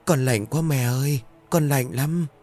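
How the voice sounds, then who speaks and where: A man's voice: medium pitch, a little slow, warm tone, faint music behind, voice pushed up, natural voice. A man voicing the ghost of a drowned young woman, raising his voice and speaking in a trembling, tearful, faint way. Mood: weeping.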